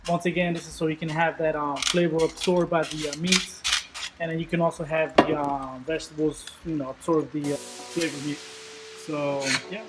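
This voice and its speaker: A man with a fairly high voice talks through a cooking demonstration in an easygoing way, pausing often with ums and uhs. Clear background music plays under his voice throughout. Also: poor audio. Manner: relaxed, many ums and uhs while explaining. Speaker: cooking video host.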